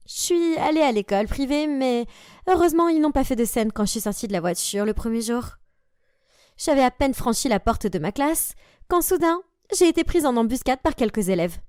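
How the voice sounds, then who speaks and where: A young woman narrating a story aloud in an animated, expressive way. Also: high voice, fairly quick, clean tone, no room sound, clean studio sound.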